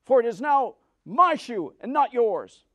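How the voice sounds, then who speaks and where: A man voicing a cunning, cruel old wicked witch in a storybook reading, with screechy wails and loud, drawn-out theatrical cries. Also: extremely high pitch, big pitch swings, no echo, voice pushed up, heavily acted. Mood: defiant, gloating. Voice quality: wailing, screechy.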